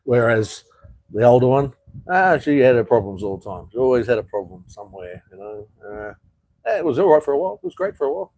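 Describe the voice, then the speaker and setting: A man's voice: mid-range voice, huge pitch swings, fast, gravelly, a little mellow, dry recording, rough recording. An Australian man hosting a casual live chat, reading viewer comments and answering bluntly, swearing often and calling people "mate".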